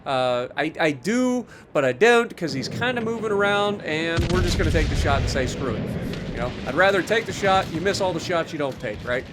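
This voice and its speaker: Animated man giving gameplay commentary. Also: a little high, a little fast, loud music behind the voice. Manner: animated, joking, with frequent fillers. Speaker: gaming YouTuber. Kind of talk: after-action gameplay commentary.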